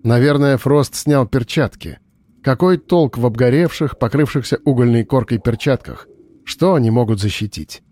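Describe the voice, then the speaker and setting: Man, audiobook narrator, steady, even delivery, mid-range voice. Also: medium pitch, normal speed. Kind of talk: scripted narration.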